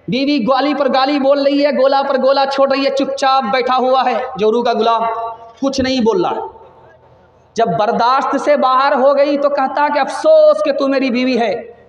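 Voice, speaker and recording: A man preaching a sermon at a large religious gathering, talking rapidly and rhetorically and urging the crowd to raise their hands. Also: very high voice, dull audio. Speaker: Islamic preacher. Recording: echoey hall reverb with faint music.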